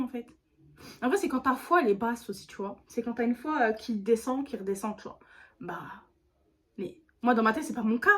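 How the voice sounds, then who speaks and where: A woman YouTuber telling a storytime to her viewers in a chatty, slangy way, speaking straight to the camera. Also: on the high side. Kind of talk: casual storytime vlog.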